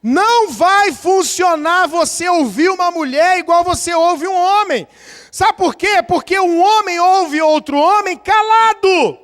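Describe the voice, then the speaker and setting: A man preaching a sermon as pastor, with a Brazilian Portuguese accent, telling animated stories and acting out little scenes for his congregation. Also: extremely high pitch, a little slow. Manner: animated storytelling, acting out scenes and counting aloud. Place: church sanctuary. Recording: long church-hall reverb.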